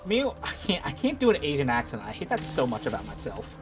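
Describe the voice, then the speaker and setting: A man in casual banter with friends on a gaming stream, telling an animated, complaining story and swearing freely. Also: mid-range voice, fast talker. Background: music.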